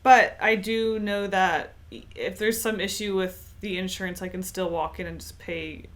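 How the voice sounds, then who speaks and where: A woman's voice: mid-range voice, moderate pace. Woman cohosting a podcast, laid back and chatty, laughs a lot. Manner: relaxed, chatty, laughs easily. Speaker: podcast co-host. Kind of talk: casual podcast chat.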